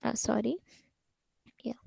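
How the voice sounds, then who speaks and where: A woman teaching a live programming lecture, explaining quickly with many restarts and fillers. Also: warm tone, no echo, rough recording. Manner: talks fast. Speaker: programming instructor.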